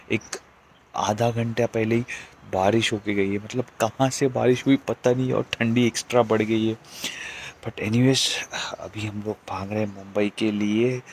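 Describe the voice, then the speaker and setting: A man in his thirties with a Marathi accent talks excitedly into a phone held at arm's length, slipping English words into his chat. He sounds like he is on a road trip, recording outdoors and in a car. Traffic and open-air noise sit clearly behind his mid-pitched voice. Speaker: travel vlogger. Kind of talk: casual travel vlog. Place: outdoors on a highway and inside a car. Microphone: handheld phone camera at arm's length.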